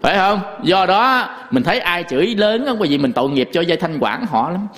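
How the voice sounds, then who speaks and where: A man's voice: high-pitched, sing-song, fairly quick, fairly bright tone, big-room sound. A man giving a Buddhist dharma talk in a folksy way, full of rhetorical questions and stories. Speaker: Buddhist monk teacher.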